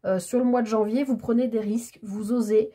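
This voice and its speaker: A woman giving a tarot reading in a casual, hesitant way, stammering and filling pauses as she talks. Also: a little high, steady tone, dark tone, breathy edge. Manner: hesitant, stammering, many fillers. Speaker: tarot card reader.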